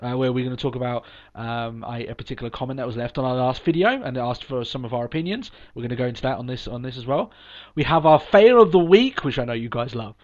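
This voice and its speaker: A man with a cold hosts a podcast, his mid-range voice sniffly, expressive and quick as he chats casually. He sounds upbeat and rambles, with plenty of ums and restarts. The recording is dull and lo-fi.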